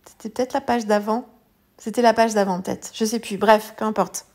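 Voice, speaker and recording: A woman's voice: fairly high pitch, fairly even intonation, fairly quick, a little mellow. A woman hosting an art journaling video, talking through her page in a casual, rambling way with many hesitations and restarts. She sounds tired. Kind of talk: casual tutorial voice-over.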